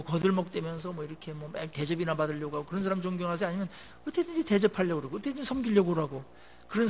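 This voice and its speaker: Preaching with a conversational feel, a male pastor questions his congregation and lets each phrase fall low once an emphatic peak has passed. There's a little hiss or hum in the recording.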